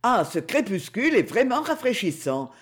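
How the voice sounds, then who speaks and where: A woman's voice: fairly high pitch, big pitch swings, normal speed, voice pushed up. A woman voicing a coaxing, boastful underworld king. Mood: pleased. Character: underworld king, smooth-talking and possessive. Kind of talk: audiobook character reading.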